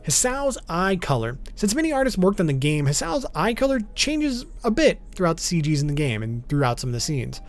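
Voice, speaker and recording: Hosting an explainer video, a man talks in an informal, matter-of-fact way with music underneath. His fairly high voice is sing-song, fairly quick, and leaves hardly any pauses.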